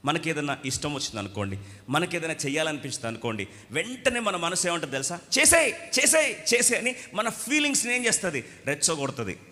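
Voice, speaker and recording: A man preaching a sermon, lively, asking the congregation rhetorical questions and acting out the voices of others. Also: on the high side, fast. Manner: animated, rhetorical questions, acts out quoted voices. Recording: long hall reverb.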